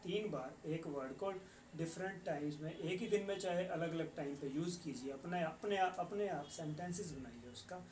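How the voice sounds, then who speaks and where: Man, English teacher, patient explaining, raised pitch, distant mic, faint background hiss. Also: a little mellow. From Punjab. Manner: patient, slow explaining, switching into English phrases. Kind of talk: explanatory lesson. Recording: echoey, distant room mic with faint ambience.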